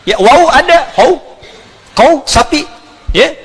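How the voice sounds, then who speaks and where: Animated high-voiced male preacher. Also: slow pace. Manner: animated, laughing, demonstrating letter sounds. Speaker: Islamic preacher. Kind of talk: religious lecture.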